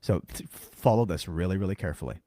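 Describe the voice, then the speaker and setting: A man co-hosting a podcast, carefully explaining scripture in casual chat and slowing down to stress key words. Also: sits low, dark tone, no room sound. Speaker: podcast co-host. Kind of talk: casual Bible teaching chat.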